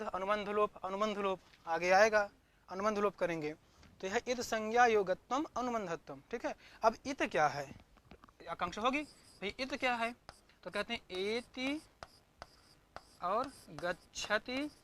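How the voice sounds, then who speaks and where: A man with a high, slightly bright voice leads an online Sanskrit grammar lesson. He asks questions only to answer them himself, says every term twice over, and talks aloud while hunting for notes on his screen.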